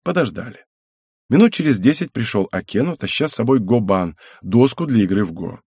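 A husky male narrator reads a first-person audiobook with an expressive, wry delivery. The studio sound is close and dry. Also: mid-range voice, brisk, dry recording.

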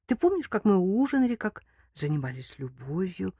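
A scared young woman held at gunpoint, as a woman reader voices her, pleading in a hushed, breathy voice. The recording is close and dry, the pitch in a middle range. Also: very animated, normal speed, no room sound.

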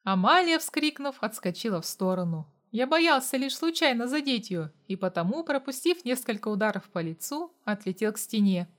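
A woman reading a first-person audiobook story aloud in a dramatic, even-paced storytelling manner. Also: fairly high pitch, normal speed, few pauses. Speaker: audiobook reader.

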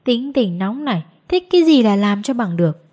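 A woman voicing an affectionate middle-aged wife in a spoken story. She talks gently and teasingly. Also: fairly high pitch, big pitch swings, normal speed.

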